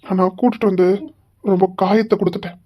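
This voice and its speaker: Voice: medium pitch, fairly even intonation, fast, dark tone, close to an everyday voice. A performer voicing a regretful middle-aged man, a chairman, pleading with his elder sister in an amateur audio drama. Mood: remorseful. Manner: pleading, remorseful.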